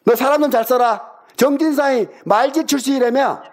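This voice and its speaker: A middle-aged man with an extremely high voice, speaking at a moderate pace, argues heatedly on the phone with his younger brother. As the older brother, he hurls insults and taunting questions.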